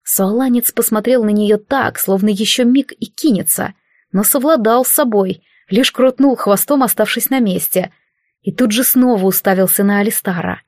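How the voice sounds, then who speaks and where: Female narrator, measured storytelling read, mid-range voice, dead-dry booth. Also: mid-range voice, darkish tone, dry recording. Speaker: audiobook narrator. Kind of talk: scripted narration.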